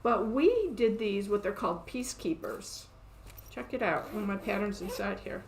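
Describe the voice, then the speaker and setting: A chatty, upbeat woman hosts a live show from her quilt shop, pitched at an everyday middle level. She talks casually and laughs often as she shows things off. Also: lively intonation, moderate pace, gravelly, noisy background.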